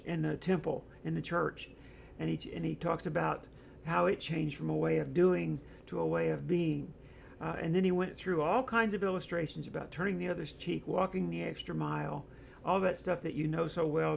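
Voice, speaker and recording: Middle-aged male host, slightly high voice with heavy vocal fry, loose anecdotal chat, faint noise. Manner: rambling, anecdotal, many fillers. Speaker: host of an online discussion show. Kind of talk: casual talk reading viewer comments.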